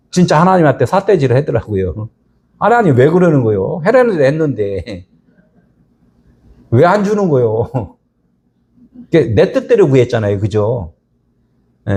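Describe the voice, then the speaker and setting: A middle-aged pastor preaches in an easy, conversational manner, and his pitch swings widely as he talks. His voice has a husky grain to it, and it sits at an ordinary, middle pitch for a man. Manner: animated, conversational preaching that acts out quoted people. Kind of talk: sermon.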